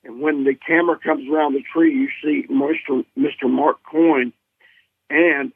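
A man's voice: fairly high pitch, steady tone, normal speed, no echo. A man hosting an outdoors radio talk show in a folksy, informal way. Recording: thin telephone-like line.

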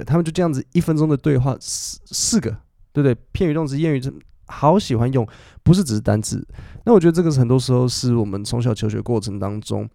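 A man's voice: medium pitch, gravelly, mellow, no echo, studio quality. A man in his twenties, hosting a podcast and explaining English grammar, often repeating phrases as he thinks. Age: 20s. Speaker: English teacher and podcast host.

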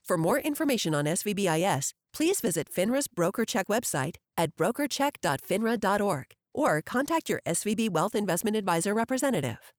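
A woman's voice: mid-range voice, sing-song, brisk, hardly any pauses, dry recording, studio quality. A woman narrator reads a scripted legal disclaimer in a formal, precise way. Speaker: disclaimer narrator for a financial podcast.

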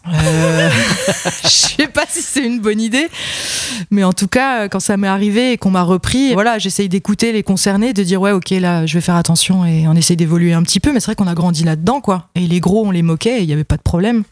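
Brief: chatty woman guest, 30s, faint Franche-Comté accent, middle pitch, dry close sound. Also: lively intonation, fairly quick, dry recording. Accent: Franche-Comté French, slight. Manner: chatty, laughs often, frank. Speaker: guest, comics author. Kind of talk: casual podcast chat.

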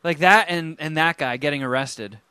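A man's voice: fairly high pitch, normal speed, pushed and bright, smooth, no room sound. A man co-hosting a podcast, chatting casually with crude jokes. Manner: joking, crude, does silly voices. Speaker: podcast co-host. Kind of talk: casual chat.

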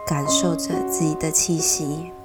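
A woman with a slightly nasal voice from a cold softly leads a guided meditation, soothing and unhurried, leaving long pauses between phrases. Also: deep voice, little pitch movement. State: has a cold. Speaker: podcast host leading a guided mindfulness meditation. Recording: piano music behind the voice. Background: gentle piano music.

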